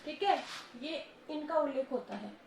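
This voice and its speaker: A woman teaching a grammar lesson to a school class, scolding and coaxing quiet pupils to answer. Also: high-pitched, expressive, moderate pace. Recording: echoey classroom with faint noise.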